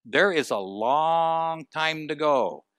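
A man preaching a sermon, asking the congregation rhetorical questions and moving between quiet and emphatic delivery. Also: fairly high pitch, expressive, takes it slowly, no echo, clean studio sound.

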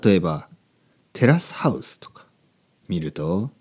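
Slow, very lively-voiced man in his thirties. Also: sits low, husky. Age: 30s. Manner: deliberate, repeats key phrases. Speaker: podcast host teaching Japanese. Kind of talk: slow, simple talk for language learners. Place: recorded at night.

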